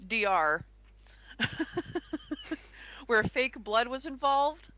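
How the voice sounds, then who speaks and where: A woman's voice: fairly high pitch, expressive, extremely slow, pushed and bright, highs cut off. A young woman co-hosting a casual podcast chat, chatty and giggly, rambling with restarts. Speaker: co-host.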